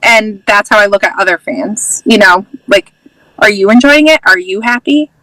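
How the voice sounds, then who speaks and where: Bright-voiced relaxed woman guest. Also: medium pitch, normal speed, dry recording, rough recording. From Massachusetts. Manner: relaxed, laughs often, many "like"s. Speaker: guest, mom and preschool teacher. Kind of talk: casual interview.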